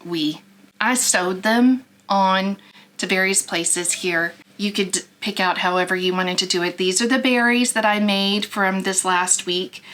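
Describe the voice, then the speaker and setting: A woman presents her craft makes in a casual vlog style. Her voice sits at an average pitch for a woman. She chats playfully and drops in folksy asides as she goes. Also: fairly bright tone. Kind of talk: casual show-and-tell chat.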